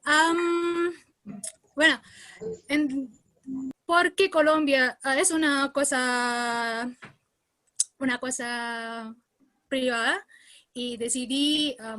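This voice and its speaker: Over a video call, an Indonesian woman with an Indonesian accent gives a seminar presentation in beginner Spanish, often pausing to find words. Her voice sits high and a bit bright, and the recording is dry.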